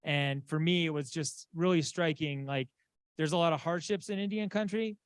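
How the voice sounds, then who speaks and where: A man from Southeast Alaska giving a conference slide talk, halting with many fillers and restarts. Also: on the high side, clear, resonant tone, dry recording. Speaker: conference presenter. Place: conference room.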